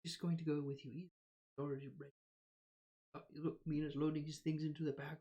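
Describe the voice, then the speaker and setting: Joking game master, man, slightly high. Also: level tone, fast, warm tone, muffled recording. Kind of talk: narrating a tabletop game.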